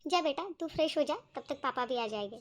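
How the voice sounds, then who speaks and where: A woman voicing a soothing middle-aged mother in a cartoon, speaking softly and consolingly. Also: high voice, animated, a little fast. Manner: soft, consoling. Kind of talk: cartoon voice acting.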